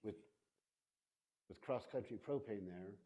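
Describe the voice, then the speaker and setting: A man's voice: fairly low pitch, measured pace, dark tone. A man chairing a formal public meeting, recorded in a county meeting room. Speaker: commission chairman running a public hearing.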